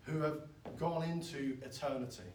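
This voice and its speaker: A man, preaching a sermon in an earnest, pleading way that swells loud and then drops soft. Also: on the high side, steady tone, normal speed, a little hiss or hum. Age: 20s. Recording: echoey, from far off.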